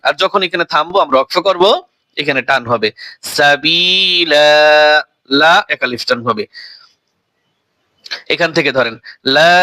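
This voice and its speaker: A man teaching Quran reading, spelling out letters and vowel marks aloud and then reciting each word slowly. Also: a little high, sharp tone, dry recording, rough recording.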